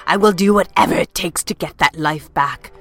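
A woman's voice: lowish voice, moderate pace, fairly bright tone, soft background music. A woman voicing a grim, ruthless old witch in an audiobook drama, speaking in a cold, menacing way.

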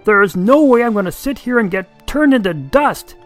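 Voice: animated, moderate pace, dry recording, soft background music, close to an everyday voice. A performer doing a panicky young dragon. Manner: stammering, frantic and high-pitched. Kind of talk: audiobook drama acting.

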